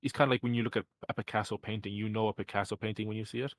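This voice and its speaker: Young guy hosting a podcast, low voice, dry close mic, rambly and full of ums. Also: fairly even intonation, rapid-fire, dry recording. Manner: rambling, lots of fillers and restarts. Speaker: podcast host. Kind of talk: casual podcast chat.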